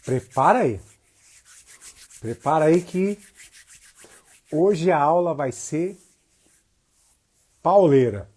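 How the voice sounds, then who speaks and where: A capoeira teacher from Jacobina, Bahia, Brazil greets viewers and teaches a casual livestream lesson in a northeastern Brazilian accent. His voice sits on the high side, animated and darkish, with drawn-out words and frequent pauses. He's informal and slangy, often repeating phrases for emphasis.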